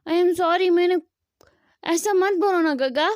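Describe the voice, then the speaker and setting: A woman's voice: extremely high pitch, slow, no echo, clean studio sound. A woman reading as a pleading, worried young man. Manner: begging, anxious.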